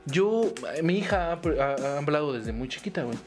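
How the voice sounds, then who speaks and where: A man with a Mexican accent in casual comedic chat, animated, slangy and full of swearing. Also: a little high, normal speed, soft background music.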